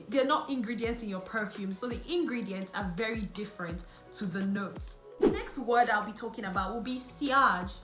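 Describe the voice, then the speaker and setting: With a voice on the high side and a bit bright, a non-native English-speaking woman who vlogs about beauty and lifestyle chats to camera, explaining and self-correcting. Faint music and echo fill the room she records in.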